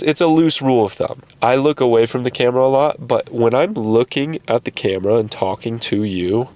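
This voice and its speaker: A man's voice: on the low side, a little mellow. A young man vlogging to camera in a rambling, self-deprecating way, asking the viewer questions. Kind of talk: casual vlog talk to camera.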